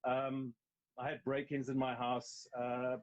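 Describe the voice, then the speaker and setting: A middle-aged South African man speaks at a slow pace in a medium pitch with a completely flat delivery. He is a guest actor in a casual interview, candidly telling his story, rambling a bit and restarting phrases. The recording sounds slightly dull and lo-fi.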